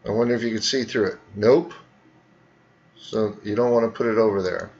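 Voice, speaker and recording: A man's voice: fairly low pitch, fairly even intonation, a little fast, gravelly, a little mellow, lo-fi sound. A man teaching students, narrating a screen tutorial and talking through each click step by step.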